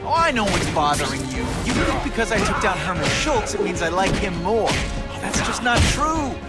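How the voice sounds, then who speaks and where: A cocky young superhero from a video game, forever cracking jokes at thugs. His voice is fairly high and bounces all over. Game music plays clearly behind him. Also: moderate pace, big-room sound. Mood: taunting. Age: young adult. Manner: quipping, teasing, lively. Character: wisecracking young male superhero.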